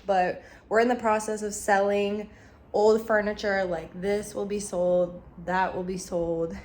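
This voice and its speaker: A young woman vlogging in a chatty, rambling way, with many fillers, her voice hoarse from a recent cold. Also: mid-range voice, darkish tone. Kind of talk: casual vlog chat.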